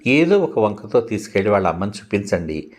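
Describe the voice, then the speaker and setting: A man voicing a calm, sensible wife who gently reasons with her family, in a read-aloud novel. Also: on the low side, brisk. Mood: gently reasoning.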